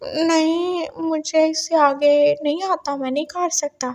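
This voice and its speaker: A woman's voice: sits high, little pitch movement, slow. A woman voicing a nervous, flustered young man who stammers and gives in.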